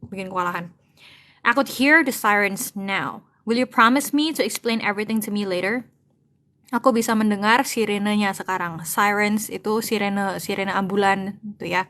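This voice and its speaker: A woman's voice: medium pitch, normal speed, bright, forceful tone. A woman reading a novel aloud in English and translating it line by line into Indonesian. She talks casually, thinks aloud and searches for words, and mixes both languages freely. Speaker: online English-to-Indonesian tutor.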